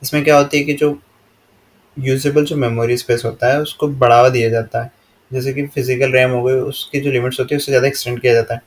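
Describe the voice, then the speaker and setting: An Indian man delivers a slide-based lesson in a plain mid-range voice that hardly changes pitch. Line by line, he reads the English slowly and then explains it at an even classroom pace.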